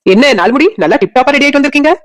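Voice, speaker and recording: Woman doing a steady young village woman for a cartoon, Kanyakumari Tamil accent, rapid-fire delivery, a little off-mic. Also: high voice, pitched below the performer's own voice. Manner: steady, reassuring, takes charge.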